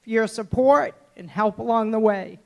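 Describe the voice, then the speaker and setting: A woman's voice: on the high side, normal speed, gravelly. A retiring woman principal giving a heartfelt assembly speech on a handheld microphone, her voice catching with emotion. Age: older. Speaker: retiring high school principal. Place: school gym or auditorium. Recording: long reverb of a large hall.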